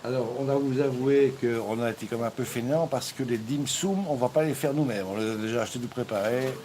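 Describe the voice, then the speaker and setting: A man's voice: medium pitch, a little fast, mellow. A man hosting a cooking live stream, chatting casually and joking with viewers, full of fillers and restarts, over a phone mic. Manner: jokey, rambling, with many fillers and restarts. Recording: noisy background ambience.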